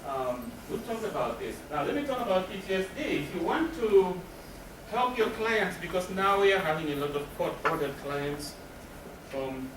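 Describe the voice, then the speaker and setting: Speaking to a live audience at a moderate pace, this counselor sounds animated, with a slightly high voice and an explanatory, emphatic manner. He asks his own questions and then answers them. The recording comes from a distant mic in an echoing room, and background noise is noticeable.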